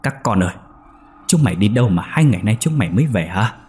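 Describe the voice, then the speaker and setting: A man's voice: lowish voice, animated, quick pace, husky. A man voicing a frantic grieving old landlord. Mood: anguished. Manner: anguished shouting.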